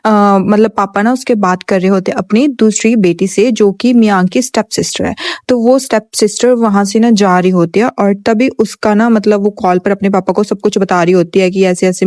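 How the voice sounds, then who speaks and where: A woman's voice: medium pitch, mellow, no echo. Chatty woman recapping a drama, dry close sound. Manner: chatty, retells the plot with quoted dialogue and many fillers. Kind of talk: casual storytelling recap.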